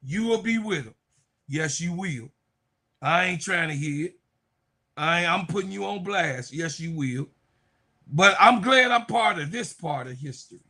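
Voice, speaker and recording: Podcast co-host, male, slow deliberate delivery, preachy and emphatic. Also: fairly high pitch, expressive, sharp tone. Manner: emphatic, preachy, repeats points for effect. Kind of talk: heated sports debate.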